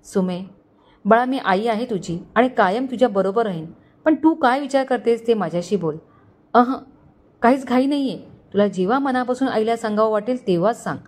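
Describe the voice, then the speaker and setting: A woman reading a gentle middle-aged mother in a storybook tale, tender and soothing as she talks to her daughter. The voice sits fairly high in pitch and stays close to the narrator's own. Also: animated, moderate pace.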